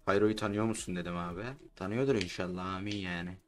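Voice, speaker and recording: A man in casual game roleplay chat, joking, excitable and often shouting. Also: low-pitched, fast. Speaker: roleplay streamer.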